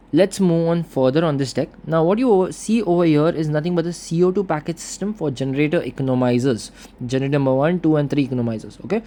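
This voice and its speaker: A man's voice: a little high, mellow. A man speaking as an engineer guiding a walk-through tour, explaining equipment step by step in an instructional way with repeated set phrases. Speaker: marine engineer giving a tour.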